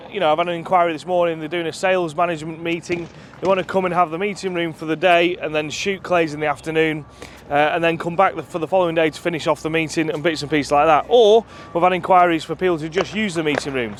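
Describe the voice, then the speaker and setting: A man with a fairly high voice shows a filming companion around his shooting ground, chatty and keen with many ums and slightly breathless from the uphill climb. The camera is held by the companion, a little hiss or hum is audible, and they go from outdoors into a clubhouse.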